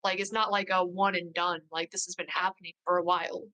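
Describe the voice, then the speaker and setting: A woman's voice: on the low side, flat delivery, quick pace, sharp tone. A woman talking casually as a player in a tabletop game. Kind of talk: casual chat.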